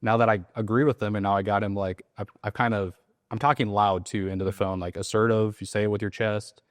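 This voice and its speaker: Relaxed man coaching sales calls. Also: fairly low pitch, fast talker, no echo, clean studio sound. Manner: relaxed, acts out sales calls with quoted lines. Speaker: real estate wholesaling coach. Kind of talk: casual teaching conversation.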